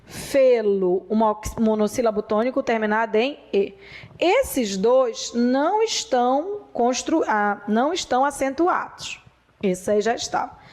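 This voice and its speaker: A woman teaching a grammar lesson, repeating rules slowly and drilling them aloud. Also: fairly high pitch, darkish tone. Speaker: Portuguese teacher.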